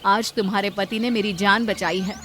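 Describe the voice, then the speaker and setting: A woman's voice: medium pitch, steady tone, moderate pace, a bit bright, a little hiss or hum, close to an everyday voice. A woman voicing a stern, commanding wealthy mistress of the house in a cartoon story. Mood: remorseful. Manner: scolding, commanding.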